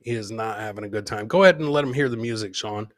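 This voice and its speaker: Hosting a comedy show, a man with a fairly low voice talks fast, casually commenting on clips with crude, mocking humour and repeating his punchlines. The recording is very noisy.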